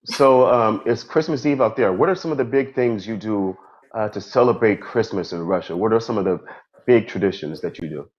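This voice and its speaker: A man's voice: lowish voice, fairly quick, dull audio. A man hosting a live stream interview, talking enthusiastically and effusively. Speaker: host.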